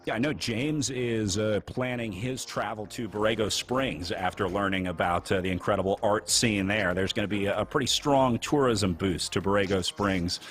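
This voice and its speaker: A man commentating a virtual cycling race, energetic play-by-play that lifts when he hypes riders. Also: lowish voice, moderate pace, hardly any pauses.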